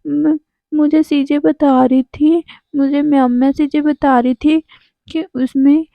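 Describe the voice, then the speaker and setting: A woman's voice: high-pitched, steady tone, slow pace, gravelly, no echo, heavily acted. A woman voicing a frightened, clingy young man who stammers and pleads through tears. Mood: tearful pleading. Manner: sobbing, pleading, stammering repeats. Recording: dull lo-fi dry sound.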